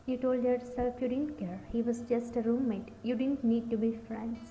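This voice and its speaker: A woman narrating a scripted second-person story in a soft, even reading voice. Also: a little high, normal speed. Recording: dull lo-fi recording. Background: faint music.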